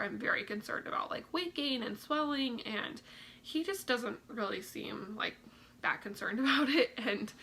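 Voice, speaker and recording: A woman's voice: on the high side, vocal fry, sharp tone, rough recording. A young woman chatting casually in a vlog, a little out of breath, with lots of "like" and "um" fillers. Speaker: vlogger. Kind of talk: casual pregnancy update vlog.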